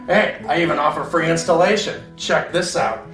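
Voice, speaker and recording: Sleazy, high-pitched gadget peddler played by a man. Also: normal speed, a bit bright, soft background music. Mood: smarmy. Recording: roomy, distant mic.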